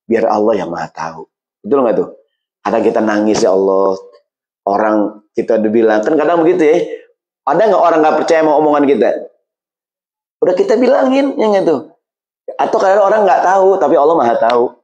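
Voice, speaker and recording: A man preaching in an easygoing, humorous way. He keeps checking with the listeners, acts out little everyday squabbles, and slows down deliberately when he recites Arabic verses. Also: a little high, expressive, a little mellow, highs cut off. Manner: keeps asking the listeners "right or not?"; acts out quarrels in everyday voices. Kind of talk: casual humorous sermon.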